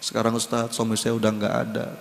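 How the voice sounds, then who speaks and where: A male preacher voicing a grieving widowed woman who pleads softly and haltingly for strength. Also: fairly low pitch, monotone, creaky, big-room sound, a little hiss or hum.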